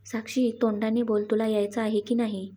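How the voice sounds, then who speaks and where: Woman reading as a young husband, brisk and teasing, mellow husky tone. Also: a little high, flat delivery, lightly acted. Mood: firm. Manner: firm, then playful.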